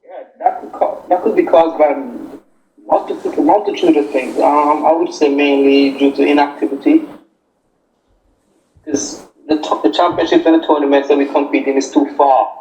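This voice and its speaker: A man's voice: medium pitch, mellow. A man, a boxer answering interview questions over a conference call. He speaks plainly and directly, and repeats words for emphasis. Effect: remote voice over an online conference call. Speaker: boxer, guest. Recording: lo-fi echoey call audio, faint hiss.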